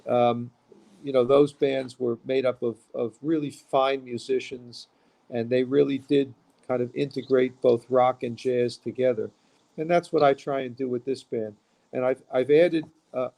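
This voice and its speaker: A man's voice: medium pitch, gravelly, mellow. A man from Queens, a musician talking casually as an interview guest. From Queens, New York.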